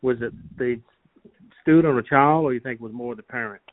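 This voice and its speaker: A man's voice: medium pitch, fairly quick, no echo. An older man conducting an oral history interview, putting his questions tentatively with long hesitations. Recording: thin, phone-like, band-limited sound.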